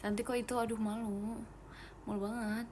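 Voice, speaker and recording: Young woman, slightly high voice, fast bubbly live-stream chat, faint hiss behind. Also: flat delivery, a little mellow. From Indonesia. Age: young adult. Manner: chatty and bubbly, quick-talking, giggly, mixing in English phrases. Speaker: idol group member hosting a live stream. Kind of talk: casual live-stream chat reading comments.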